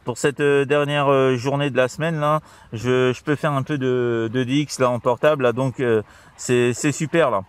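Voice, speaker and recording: A man makes casual radio contact on CB, repeating himself, hesitating and filling in with tag words throughout. He's outside, crouched in grassy scrubland, and his mid-range voice is smooth and steady at a moderate pace.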